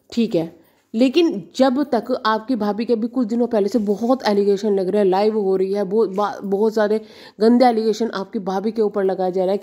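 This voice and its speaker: A woman's voice: fairly high pitch, dark tone. A young woman giving an opinionated reaction commentary, arguing her case with repeated rhetorical questions. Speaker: reaction vlogger.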